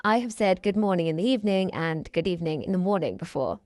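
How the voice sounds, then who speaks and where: A woman's voice: lowish voice, lively intonation, quick pace, darkish tone, no room sound, clean studio sound. A woman teaching in a chatty, candid way, with many spoken examples. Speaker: English teacher. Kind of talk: conversational English lesson.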